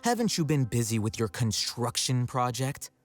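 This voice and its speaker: A man's voice: medium pitch, very animated, normal speed, faint music behind, natural voice. A cool, sardonic young scribe from a fantasy video game, as a man voices him. He needles with dry, unbothered remarks while his voice rises and dips freely. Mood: dry teasing.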